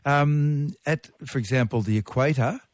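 A man explains science to callers on a radio call-in show. He jokes as he goes, his voice recorded dry and close in the studio, at an ordinary middle pitch. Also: measured pace, no room sound. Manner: playful, jokey explainer. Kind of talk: casual radio Q&A.

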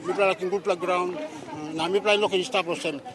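A man's voice: high-pitched, fairly even intonation, a little fast. A man with a Papua New Guinean accent speaking Melanesian pidgin outdoors, giving his opinion in repetitive, list-like phrases. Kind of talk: vox pop on an election, in Melanesian pidgin. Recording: outdoor street with crowd noise.

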